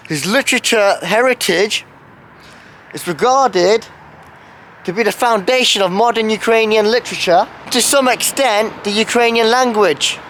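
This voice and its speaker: A man's voice: sits high, normal speed, a bit bright, a little hiss or hum. A man filming a travel vlog outdoors on a city street in winter, shivering from the cold as he explains what he sees. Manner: chatty, informative, self-filming. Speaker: travel vlogger.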